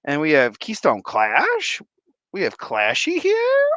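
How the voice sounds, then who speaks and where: Guy on a livestream shouting out chat, super animated, bright voice, laughs a lot. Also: fairly high pitch, slow pace, dry recording, lo-fi sound. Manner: excitable, effusive, laughs often. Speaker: livestream host. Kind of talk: casual livestream chat greeting viewers.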